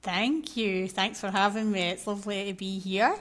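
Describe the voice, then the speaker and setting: A woman's voice: mid-range voice, fairly even intonation, normal speed. A woman in her thirties with a Scottish accent, talking candidly as a podcast guest and laughing easily. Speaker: podcast guest, maternal mental health coach. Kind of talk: conversational interview.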